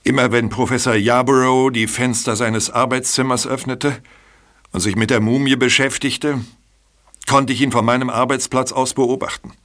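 An actor playing a middle-aged professor exposed as a schemer in a children's detective audio drama, confessing haltingly and with resignation. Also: male voice, medium pitch, flat delivery, a bit bright, natural voice. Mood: resigned, confessing. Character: unmasked scheming male professor, defeated and resigned.

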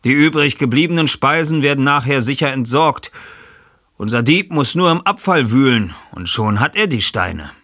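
Ein junger Ermittler mit befehlendem, gefasstem Ton, von einem Mann gelesen in einem Hörbuch. Helle, leicht belegte Stimme in trockener Aufnahme. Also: male voice, medium pitch, animated, moderate pace, bright, forceful tone, no echo, clean studio sound, pitched above the performer's own voice. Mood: composed. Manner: commanding, methodical. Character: calm, clever young male detective, the narrator.

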